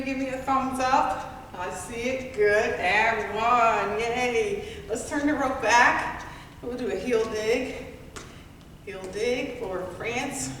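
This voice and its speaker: A group fitness instructor leads a workout class, counting down and giving cues in an encouraging, playful way. Her voice is on the high side and a bit bright, recorded on a distant mic in an echoey hall with faint noise.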